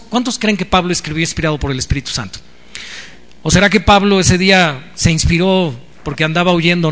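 Male preacher, high voice, teaching sermon, long church reverb. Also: a bit bright. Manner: teaching, repeats key words with rising emphasis and frequent amens.

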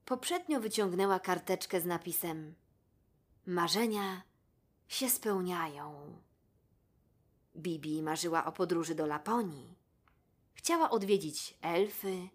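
A woman reading a children's story aloud in a gentle, measured way. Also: lowish voice. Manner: gentle, measured, addresses the listener.

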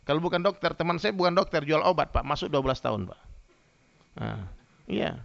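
Male preacher telling stories to his congregation, bright tense tone, gravelly edge. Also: on the high side, brisk. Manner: lively storytelling, addresses listeners directly. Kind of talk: humorous sermon with anecdotes. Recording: dull lo-fi sound.

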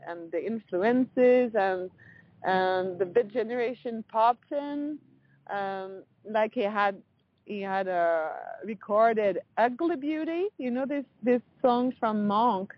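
A woman's voice: mid-range voice, dry recording, lo-fi sound. A young woman with a French accent, a jazz musician chatting in an interview and laughing often. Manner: laughs often, light and giggly. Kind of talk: casual interview chat.

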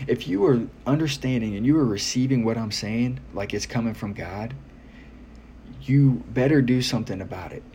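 A man's voice: medium pitch, mellow. Earnest man preaching informally, noisy recording. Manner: earnest, exhorting, repeats phrases for emphasis. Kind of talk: informal sermon to listeners. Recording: noticeable background noise.

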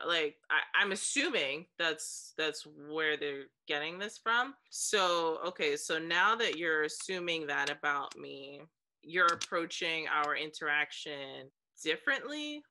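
A woman's voice: deep voice, lively intonation, pushed and bright, a little hiss or hum. A woman in her thirties chatting casually as a podcast co-host, reacting and agreeing often. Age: 30s. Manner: reactive, quick to chime in with agreement. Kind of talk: casual chat.

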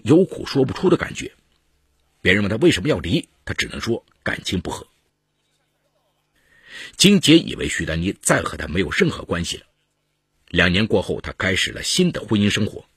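Low, husky man narrating legal case stories. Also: no room sound, clean studio sound. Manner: dramatic, expressive storytelling.

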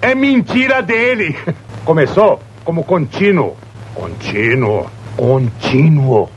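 A man's voice: a little high, animated, slow, slightly rough, exaggerated voice, poor audio. An actor playing a domineering, wealthy boss and father who mocks and orders around his employee. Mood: mocking. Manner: mocking, bossy, theatrical.

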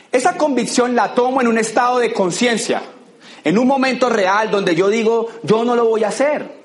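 A Colombian man giving an animated motivational talk to a live audience, acting out scenes with sound effects. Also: high-pitched, echoey room. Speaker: motivational speaker.

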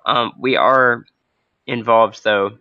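A young man hosting a casual, spontaneous podcast with a hoarse, froggy voice from a cold, talking in a hesitant, unscripted way. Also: medium pitch, fairly even intonation, slow. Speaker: podcast host. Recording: dull, lo-fi close recording.

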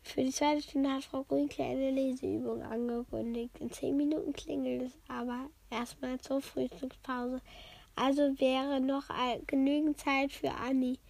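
A woman's voice: high voice, little pitch movement, a little slow, gravelly, darkish tone. A woman reading a children's book aloud in a casual way, with slips and self-corrections. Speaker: reader.

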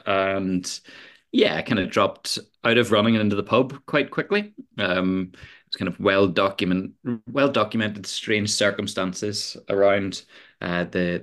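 Podcast guest, man, fairly low voice, conversational, hesitant phrasing with repeated starts. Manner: hesitant, repeats words as he thinks. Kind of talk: casual interview chat.

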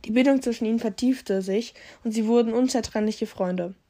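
A woman's voice: a little high, a little fast, warm tone. A woman casually reading a story aloud and commenting on it, often stumbling and correcting herself. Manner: reads with slips and self-corrections. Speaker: podcast host reading a story.

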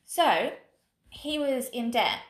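A woman's voice: fairly high pitch, lively intonation, slow pace, roomy sound. An English woman co-hosting a casual chat, talking freely with many ums and easy laughs. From England. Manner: chatty, laughs easily, trails off with ums. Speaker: podcast co-host.

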